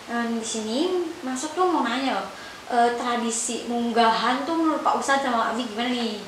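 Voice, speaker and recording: Woman, host, casual chat, upbeat, high voice. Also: normal speed, slight background noise. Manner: upbeat, chiming in with short agreements. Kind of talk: casual talk show hosting. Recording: very echoey room, faint background.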